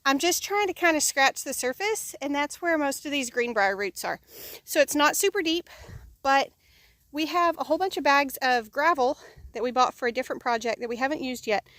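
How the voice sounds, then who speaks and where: A woman's voice: high voice, animated, normal speed, fairly bright tone, dry recording. A woman vlogging outdoors at her chicken pen, explaining the work in a casual, chatty way with plenty of ums and uhs. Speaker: homesteading vlogger.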